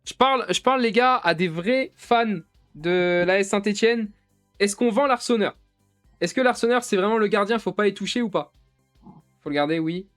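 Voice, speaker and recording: A young man streaming a football manager game, talking excitably in slang and constantly addressing his chat. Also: sits high, normal speed, soft background music. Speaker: gaming streamer. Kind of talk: live gameplay commentary.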